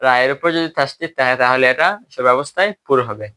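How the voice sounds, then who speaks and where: Bright-voiced man teaching recitation. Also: medium pitch, clear, resonant tone. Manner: explains step by step and checks understanding with questions; slowly models drawn-out recitation examples. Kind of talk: explanatory Tajweed lesson.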